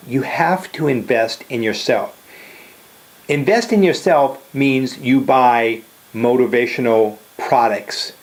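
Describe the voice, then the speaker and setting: A man's voice: mid-range voice, a little mellow. An older man giving a motivational talk, emphatic and repetitive, often checking in with "okay?". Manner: emphatic, repeats "okay?" and "guess what". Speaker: motivational speaker.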